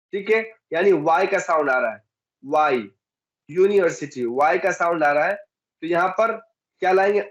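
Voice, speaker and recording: A man from India teaching an English lesson, who repeats example words slowly and asks and then answers his own questions. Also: high voice, dull audio. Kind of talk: classroom lesson.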